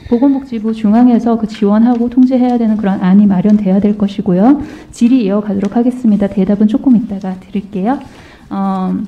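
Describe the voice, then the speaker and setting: A woman's voice: fairly high pitch, dull audio. A woman lawmaker questioning a minister at a hearing in a firm, pointed way. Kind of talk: parliamentary questioning.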